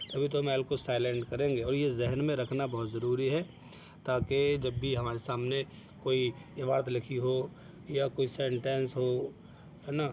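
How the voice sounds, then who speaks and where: A man explains a rule step by step, spelling letters aloud and repeating himself patiently. His voice sits at a middling pitch. A faint hiss of noise runs under the recording. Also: darkish tone. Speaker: English teacher. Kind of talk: explanatory lesson.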